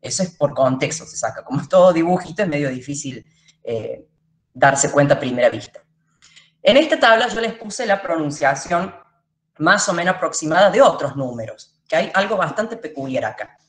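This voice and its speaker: A woman's voice: deep voice, expressive, moderate pace, echoey room, slight background noise. A woman teacher giving a classroom lecture, explaining step by step and checking in with her students.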